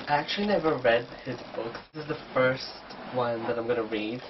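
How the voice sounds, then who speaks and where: Speaking fairly quickly in a mid-range voice, a man with a blocked nose casually walks viewers through his book haul. He's clearly ill, and the distant camera mic sounds dull amid background noise.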